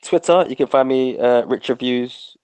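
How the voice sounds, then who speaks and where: A man co-hosting a casual podcast, excitable and jokey. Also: mid-range voice, moderate pace, smooth, dry recording, rough recording. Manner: excitable, jokey, talks with a laugh. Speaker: podcast co-host. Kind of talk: casual chat.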